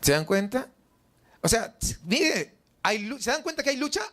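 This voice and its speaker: A man with a high-pitched voice and a Mexican Spanish accent delivers a sermon in a church. He keeps asking his congregation rhetorical questions. He acts out their doubts in a raised voice. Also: very animated, normal speed, sharp tone. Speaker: pastor.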